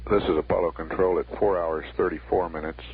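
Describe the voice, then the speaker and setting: A man giving formal spaceflight status commentary as a mission control announcer, measured, factual and deadpan. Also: sits low. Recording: narrow 1960s broadcast line, faint noise.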